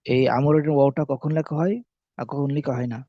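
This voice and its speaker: A man's voice: medium pitch, fairly even intonation, fast talker, no room sound. A man teaching Arabic spelling rules in a classroom-style lesson, repeating key points and asking and answering his own questions. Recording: dull lo-fi recording.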